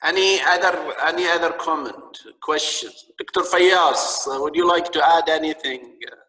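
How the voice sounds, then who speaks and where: A man's voice: a little high, normal speed, bright, forceful tone. A man with an Arabic accent teaching a course as a live lecture, often repeating words and stumbling as he searches for phrasing. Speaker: instructor teaching a training course. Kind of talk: live lecture with audience questions. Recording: distant, echoing reverberant sound.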